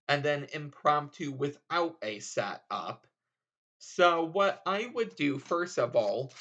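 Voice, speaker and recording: Unhurried man giving a casual tutorial, dull sound. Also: mid-range voice, fairly bright tone. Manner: informal, step-by-step explaining. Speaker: card trick tutorial presenter.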